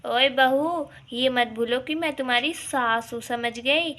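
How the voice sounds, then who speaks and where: A woman's voice: high voice, takes it slowly, a bit bright. A woman voicing a scolding, sly older village mother-in-law in a toy doll play, with nagging complaints and mocking chuckles.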